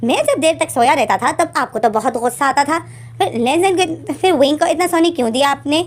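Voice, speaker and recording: A woman's voice: sits high, fairly quick, lightly acted. A woman voicing a jealous young man who complains he is not the favourite, in a story reading. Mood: indignant. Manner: complaining, indignant. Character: young man, sulky, jealous, bossy about the office.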